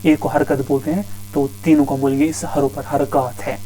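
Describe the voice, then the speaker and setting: A man's voice: a little high, level tone, fairly quick, dark tone, faint music behind, low-quality recording. A man teaching a grammar lesson, patiently repeating each term several times. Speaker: Arabic teacher.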